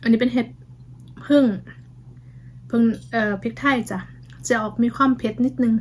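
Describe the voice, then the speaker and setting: A woman's voice: fairly high pitch, steady tone, normal speed, a little hiss or hum. A woman with an Isan Thai accent chatting casually for her vlog while she eats, humming as she tastes the food. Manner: chatty, tasting food with murmured hums. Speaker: vlogger.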